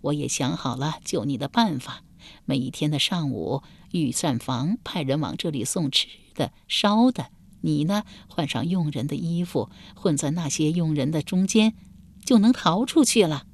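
A woman reader voicing a kindly elderly woman servant, speaking slowly and motherly with sighs, as an audiobook character. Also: sits low, lively intonation, darkish tone, breathy edge, no echo, heavily acted. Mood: reassuring. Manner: slow, sighing, motherly.

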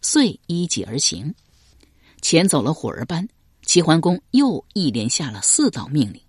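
A man's voice: a little high, sing-song, normal speed, husky, no room sound, studio quality. A man narrating a historical novel, telling it dramatically and voicing many characters. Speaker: storyteller.

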